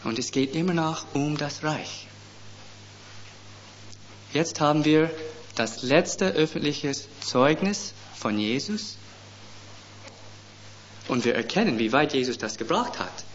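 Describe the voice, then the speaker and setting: A middle-aged man delivers a sermon at a very slow, measured pace, his slightly raised voice climbing sharply on the words he wants to land. The recording is dull and lo-fi, with a faint noise underneath. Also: a little high, lively intonation. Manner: slow and deliberate, with emphatic rises on key words. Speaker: preacher.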